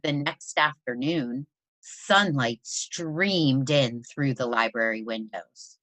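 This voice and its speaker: A woman reading a children's story aloud in an expressive storytelling style, with deliberate, emphatic phrasing. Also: very deep voice, no room sound. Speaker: presenter reading a children's picture book aloud.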